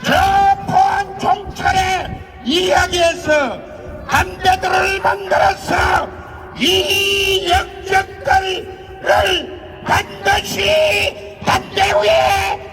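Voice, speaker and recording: Man, shrill propaganda-style rally oratory, very high shouted voice, slow, distant PA, loud music and crowd. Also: steady tone. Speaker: rally speaker. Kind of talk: shouted political rally speech. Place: large rally, amplified by loudspeakers.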